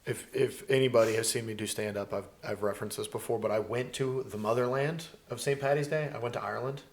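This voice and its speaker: A man's voice: mid-range voice, fast talker. A young man co-hosting a casual podcast chat, joking and telling stories. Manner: joking, storytelling, animated. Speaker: podcast co-host.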